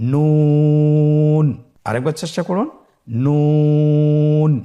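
A man from Bangladesh teaching the Quran in a recorded lesson, patient and instructive, stretching each letter name long and loud so listeners can repeat it. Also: medium pitch.

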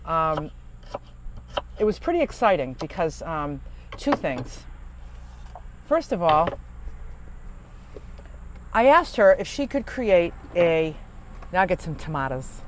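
A man's voice: on the high side, very animated, takes it slowly, long pauses, slight background noise, low-quality recording. A man chatting casually to camera from his parked van at a rest stop, rambling with fillers and restarts. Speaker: van-life vlogger.

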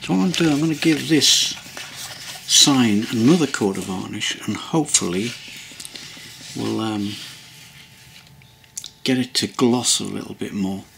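Gravelly man narrating a hobby build. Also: medium pitch, unhurried, long pauses, background noise. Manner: rambling, hesitant with many ums and restarts. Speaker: model railway builder. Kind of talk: casual hobby tutorial narration. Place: hobby workbench indoors.

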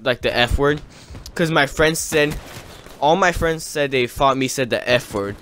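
A man's voice: medium pitch, unhurried, a bit bright, slight background noise. A teenage boy from California tells a rambling story over gameplay, full of "like" fillers and trailing off. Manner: rambling, filler-heavy, laughs between lines. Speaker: gaming YouTuber.

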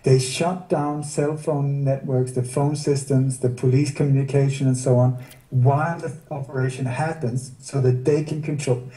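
Heard from a distance in an echoey room, a guest researcher in a relaxed interview speaks with a very dark, mellow voice of average pitch. His tone stays steady at a normal speed while he needles his subject with sarcastic rhetorical questions.

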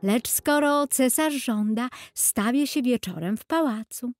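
A woman voicing a small, gentle nightingale in a children's audio tale, light and polite. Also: fairly high pitch, unhurried, dry recording, studio quality, faint music behind, voice pushed up, lightly acted.

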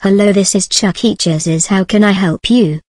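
A woman playing a polite female party clerk who takes bookings in a brisk, businesslike way. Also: medium pitch, darkish tone, no echo, studio quality, lightly acted.

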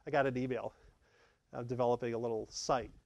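This middle-aged tech presenter has a gravelly, mid-range voice and a brisk delivery, lively and conversational as he acts out small scenes. He's presenting slides at a meetup in a dark room with a projector, and the recording is dry and lo-fi.

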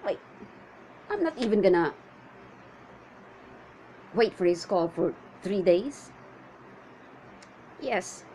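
Sounding indignant, a woman acts out a comic monologue as a talkative, needy woman expecting a suitor, exasperated in a theatrical way and stretching out her questions. Her mid-range voice is animated and warm, though the audio is poor, with a little hiss or hum.

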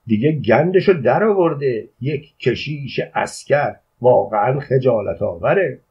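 A man's voice: mid-range voice, lively intonation, breathy edge. A man reading an audiobook voices a rude male visitor who answers back with insolent outrage. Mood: indignant. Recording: dull lo-fi audio.

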